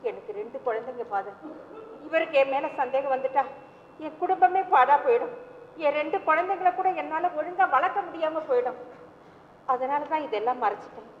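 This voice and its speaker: A woman's voice: sits high, animated, brisk, long pauses, a little hiss or hum. An actress playing an anxious mother of two who hesitantly pleads and confesses, in an old stage play recording. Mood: pleading. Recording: roomy hall, dull lo-fi old stage recording.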